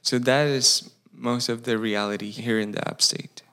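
Speaking at normal speed in a mid-range, fairly bright voice with fairly even intonation, a man from Costa Rica relates his story as a campus pastor in an informal interview. His accent is Costa Rican Spanish, and he talks earnestly, breaking off and restarting phrases while searching for English words.

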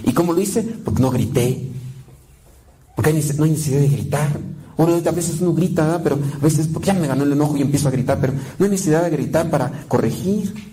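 A man's voice: fairly high pitch, fast talker, mellow, poor audio. A man preaching a sermon in a conversational way, often asking "right?" and acting out quoted lines. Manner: conversational, with tag questions and quoted asides.

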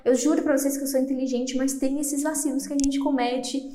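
A young woman from Brazil with a high-pitched voice hosts her own podcast. She talks quickly, stumbles now and then and laughs at her own slips. The room around her is noticeably echoey. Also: flat delivery, dark tone, a little hiss or hum. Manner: fast-talking, self-deprecating, trips over words. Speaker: podcast host. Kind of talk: solo podcast talk.

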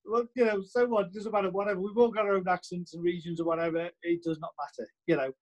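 A man's voice: high-pitched, steady tone, fast talker, poor audio. A man with a Stoke-on-Trent accent chatting casually on a podcast, emphatic and repeating his points with plenty of "you know".

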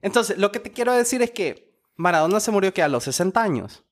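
A man's voice: high voice, expressive, brisk. A young man, chatting casually as a podcast co-host in a loose, rambling, slangy way with many restarts. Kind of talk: casual chat.

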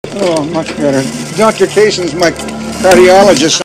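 An actor playing a heart patient brought in by ambulance, answering slowly and calmly. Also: male voice, sits high, low-quality recording. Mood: relieved. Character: calm male heart patient arriving by ambulance. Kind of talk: TV medical drama acting. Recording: TV drama clip with music.

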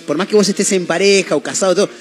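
High-voiced Rioplatense radio host. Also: male voice, rapid-fire. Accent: Rioplatense Spanish. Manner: easygoing, chatty, addresses listeners. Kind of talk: casual radio chat.

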